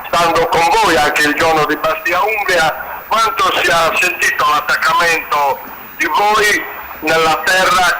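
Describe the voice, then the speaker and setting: A man from Sardinia, president of a farmers' association, heard over a phone on speakerphone and giving a measured, earnest greeting to a conference. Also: on the high side. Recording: noisy phone line on speakerphone.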